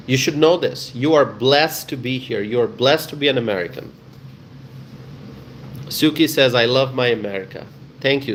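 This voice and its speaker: A Bangladeshi man hosts a casual livestream, reading viewer comments aloud and answering them, often repeating phrases for emphasis. His voice is mid-range, with slight background noise.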